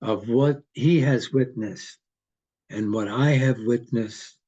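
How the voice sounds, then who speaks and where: A man in his eighties from Hungary, talking in a slow, rambling, philosophical way in casual conversation. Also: mid-range voice, dark tone, slightly rough, highs cut off. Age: 80s.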